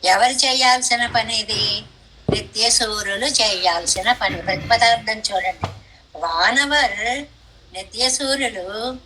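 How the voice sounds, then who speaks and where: An older woman, teaching a devotional commentary on hymns, explaining verses slowly and deliberately. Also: medium pitch, bright, forceful tone, slight background noise, poor audio.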